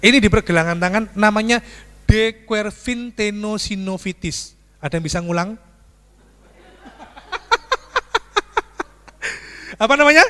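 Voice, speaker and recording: Speaking slowly with long pauses, this high-voiced pastor delivers a storytelling sermon in a church sanctuary, where the hall reverb is audible. He's animated, dramatizing screams and dialogue and addressing everyone as "saudaraku".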